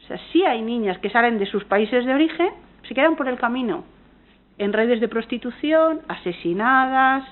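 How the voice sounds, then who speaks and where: A woman's voice: fairly high pitch, expressive, normal speed. A woman from Spain with a Spanish accent giving an academic conference talk as a university lecturer, earnest and engaged, often restarting and correcting herself mid-sentence. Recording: tinny phone-like audio.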